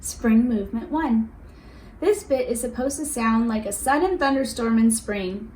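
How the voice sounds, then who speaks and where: In a roomy, echoing space with faint noise behind her, a woman teacher reads a picture book aloud for children, explaining along the way. She speaks at an unhurried pace in a slightly mellow, higher-pitched voice, posing questions and prompts to her listeners.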